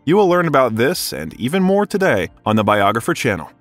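A male narrator reading a biography script with a lively, swinging pitch. His mid-range voice carries steadily through the text, with faint music underneath. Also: brisk, no room sound. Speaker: documentary narrator.

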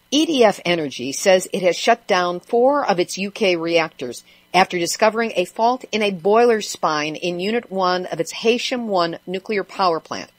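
A woman hosts a radio show, reading news items at a mid pitch. She adds dry, sarcastic asides. The studio sound is close and dead, with no room echo. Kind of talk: news commentary.

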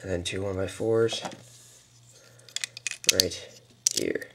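A man with a very deep voice talks through a build step by step, pausing and muttering as he goes. It is recorded on a camera mic at a home table. A clear hiss of background noise sits under his voice. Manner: relaxed, halting, lots of fillers and mild mutters. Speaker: toy building tutorial maker. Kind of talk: casual step-by-step build instructions. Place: indoors at a table.

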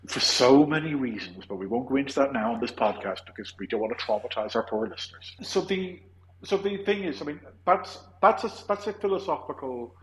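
Rambling through his opinions on a relaxed podcast, this Irishman hosts the talk in a medium-pitched voice, often starting sentences over, all on a rough recording.

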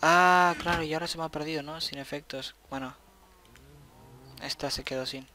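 A man giving casual, excitable let's-play commentary, thinking aloud as he plays. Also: on the high side, moderate pace, background noise. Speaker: gameplay commentator.

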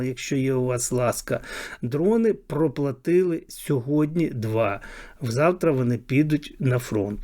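A man's voice: fairly high pitch, darkish tone. A man video blogger giving commentary to camera in a sarcastic way, repeating phrases for emphasis.

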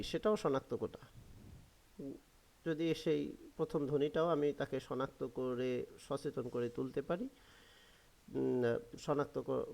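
A man with a Bangladeshi Bengali accent, a teacher trainer explaining a lesson in a halting way, with many fillers, spelling out example words slowly. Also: fairly high pitch, creaky, darkish tone.

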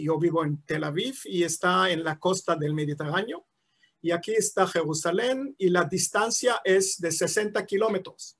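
A man in his seventies from Israel, giving an online lecture over a video call, pausing often with drawn-out fillers and restarting phrases. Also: sits high, fairly bright tone. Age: 70s. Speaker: guest lecturer. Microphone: video call mic.

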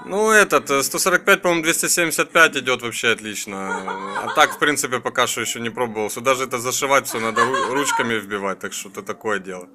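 With background noise behind him, this man talks fast and barely pauses in a mid-range voice. He's an amateur radio operator doing an antenna test, chatting casually in friendly colloquial language and clipped radio phrases.

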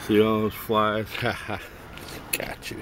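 Holding the camera himself, a middle-aged man shows off toys and crafts around his cluttered workshop and garage, his lowish voice staying monotone. His talk is rambling, halting and self-amused. The audio is noisy, like a typical home camera.

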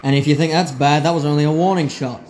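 An actor playing a clever, defiant time-travelling hero in an audio drama, with a deliberate, theatrical delivery. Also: male voice, a little high, fairly even intonation, darkish tone, a little hiss or hum, close to an everyday voice.

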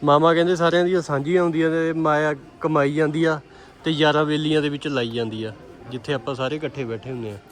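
A Punjabi man hosts a casual vlog in a fairly high male voice. He banters heartily with his mates and talks to viewers in a loose, everyday way. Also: fairly even intonation, fast. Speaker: vlogger and cameraman. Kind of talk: casual shopping vlog chat.

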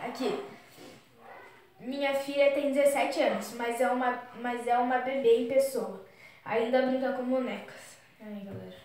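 Teen girl vlogger, high-ish voice, excitable and chatty, echoey room, off-mic. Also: recorded from a distance, slight background noise. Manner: chatty, exclaims a lot, keeps saying "galera". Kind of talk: casual vlog, reading out messages.

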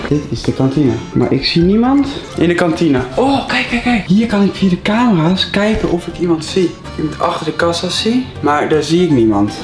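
High-voiced young Dutch man vlogging. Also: sing-song, fairly quick, few pauses. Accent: Netherlands Dutch. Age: 20s. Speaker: vlog host. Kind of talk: casual vlog commentary. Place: large empty supermarket indoors. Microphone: handheld camera at arm's length. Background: music.

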